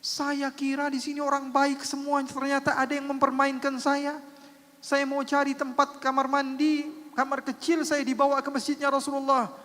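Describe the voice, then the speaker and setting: A man voicing a bewildered blind desert man within a sermon, high and pleading, heard with long hall reverb. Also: completely flat delivery, normal speed, bright, forceful tone. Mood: distressed. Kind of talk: acted quote within sermon storytelling.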